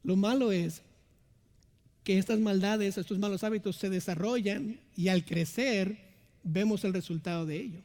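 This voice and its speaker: A man's voice: high voice, normal speed, darkish tone. A young man, an assistant pastor, preaching an earnest sermon in a church and often asking his listeners to agree. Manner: earnest, asks the congregation "¿verdad?" often. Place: church sanctuary. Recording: long church hall reverb.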